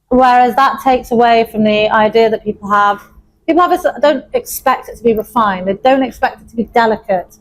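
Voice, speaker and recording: A woman's voice: fairly high pitch, low-quality recording. A young adult woman from Wales, a chef and pub owner, talking in an interview with enthusiasm and frequent laughter. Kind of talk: interview conversation.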